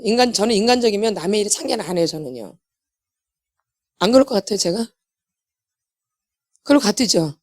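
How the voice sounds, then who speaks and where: A woman's voice: mid-range voice, darkish tone. A middle-aged woman preaching a sermon in an emphatic, blunt manner. She asks the audience questions and answers them herself, and she often repeats herself. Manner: blunt and self-deprecating. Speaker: pastor's wife and healing ministry lecturer.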